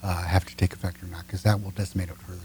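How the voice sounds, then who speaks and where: A man's voice: sits low, level tone, rapid-fire, a little mellow, a little hiss or hum. A man co-hosting a casual political talk show, making blunt, sardonic remarks.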